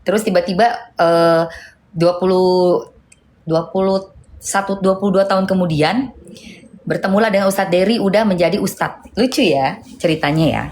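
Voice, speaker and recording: A middle-aged woman with a lilt, hosting a livestream and reading viewer comments, shifting between heated scolding and soft chat. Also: fairly low pitch, normal speed, slight background noise. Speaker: livestream host.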